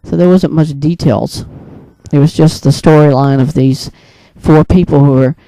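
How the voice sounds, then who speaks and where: In a casual, unscripted monologue, a storyteller and video creator describes a dream in a slightly high, mellow, smooth voice with a steady tone. He rambles and hesitates, stopping mid-thought and restarting. The recording is close, dry, without room sound, and low-quality.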